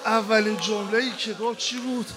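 A man preaching a mourning sermon, moving from hushed storytelling to loud wailing shouts and chanted lines. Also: high voice, fairly even intonation, noisy background.

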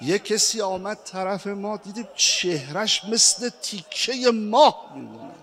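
A man's voice: high-pitched, lively intonation, a bit bright. A man delivering an impassioned, mournful sermon recitation as a preacher. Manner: impassioned, mournful, rising to cries.

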